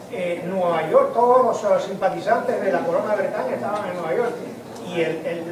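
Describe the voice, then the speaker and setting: Male audience member, hesitant and repetitive, high voice, distant mic, crowd audible. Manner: hesitant, repeats words. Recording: echoey hall from far off, audible crowd.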